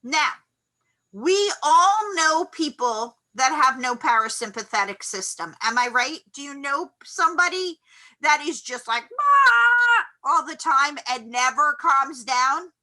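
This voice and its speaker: High, bright-voiced woman lecturing a class. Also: unhurried, poor audio. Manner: animated, acts out quoted reactions loudly. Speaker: college psychology instructor.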